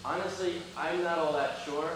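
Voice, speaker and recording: Speaking a little high, in a steady tone at normal speed, a young Albanian-born man gives an earnest, motivational guest talk to students, starting loudly before moving into Q&A. It's captured from a distance in a roomy classroom, with faint noise.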